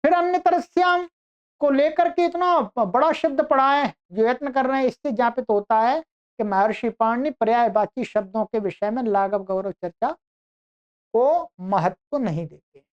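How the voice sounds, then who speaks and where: Lo-fi Sanskrit grammar teacher, a woman. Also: fairly high pitch. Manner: reads Sanskrit slowly then explains in Hindi. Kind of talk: online lecture.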